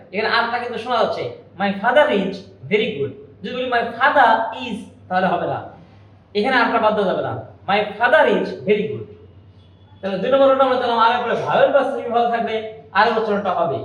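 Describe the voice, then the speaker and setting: A man teaching English pronunciation in a lesson, repeating each example word slowly and deliberately. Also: sits high. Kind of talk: classroom-style lesson. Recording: very echoey room, mic at a distance.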